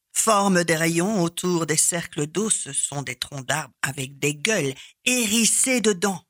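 Woman storyteller, slow and husky, dry close sound; expressive tale-telling with dramatic pauses. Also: mid-range voice, no room sound. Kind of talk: storytelling performance of a folk tale.

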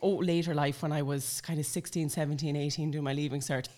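A woman's voice: low voice, steady tone, a little fast, warm tone. A woman around forty from Sligo with a West of Ireland accent, chatting informally as a podcast guest. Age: late 30s to around 40. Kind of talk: casual conversational interview, reminiscing.

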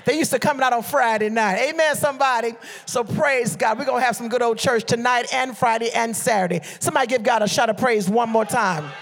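A man's voice: very high voice, fairly quick, few pauses, fairly bright tone. A middle-aged man from Liberia, preaching a sermon with fervent call-and-response exhortations to the congregation.

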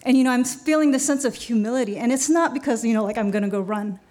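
A woman's voice: on the high side, quick pace, darkish tone. Storyteller: adult woman, casual and chatty, stage anecdote, fillers and dry chuckles. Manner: chatty, with fillers and wry laughs. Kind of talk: live personal storytelling.

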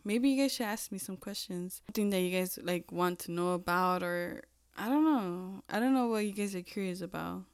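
A woman's voice: medium pitch, a little fast, clean tone, no room sound, studio quality. A woman in her twenties hosting a casual solo podcast, chatty and self-deprecating, full of "like" and "um". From United States. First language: Spanish. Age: 20s. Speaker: podcast host.

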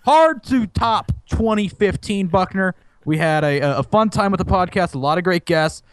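A man's voice: high voice, expressive, moderate pace, slight background noise. A young man co-hosting a casual podcast, teasing his co-host with mock-dramatic complaints.

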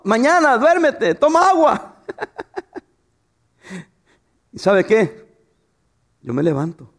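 A man preaching a sermon, asking rhetorical questions and telling humorous stories about his wife. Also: sits high. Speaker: pastor.

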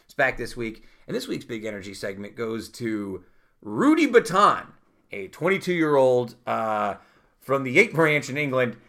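A male podcast host chats casually in a medium-pitched, sing-song voice with a sharp edge, taking his time. He talks loosely, full of fillers and laughter, and his voice is giving out, worn down from a full day of talking.

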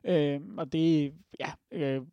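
Danish guy ranting about coaching, bit high voice, lots of "uh", dry sound. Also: smooth, no room sound, lo-fi sound. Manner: opinionated, many fillers. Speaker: podcast panelist. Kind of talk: casual football chat.

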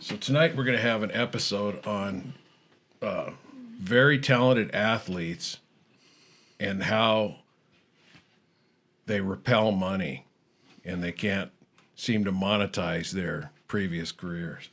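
A man filling in as host of a casual comedic chat show, talking in a dry, deadpan monotone. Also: fairly low pitch, slow pace, long pauses, slightly rough. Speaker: fill-in host.

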